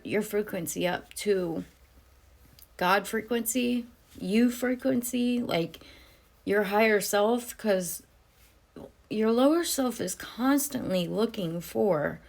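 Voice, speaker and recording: A woman's voice: medium pitch, a little mellow. A tearful woman giving an earnest, emotional spiritual testimony, speaking to her viewers and filling her talk with "you know". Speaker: spiritual vlogger. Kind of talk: personal testimony to camera.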